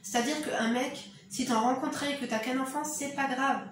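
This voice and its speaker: A woman's voice: high-pitched, fairly even intonation, normal speed, a little hiss or hum. A woman with an eastern Algerian accent giving frank, direct, motherly advice to camera in casual commentary at home. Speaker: YouTuber. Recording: very echoey room, mic at a distance.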